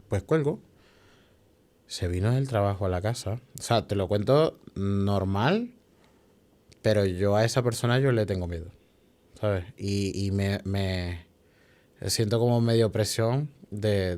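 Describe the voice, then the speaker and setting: A young Venezuelan man with a fairly low voice recounts a hard stretch of his life as a podcast guest. He talks quickly and emotionally, restarting phrases and tossing in tag questions. His Venezuelan Spanish accent is clear throughout. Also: a little mellow. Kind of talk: telling a personal story in an interview.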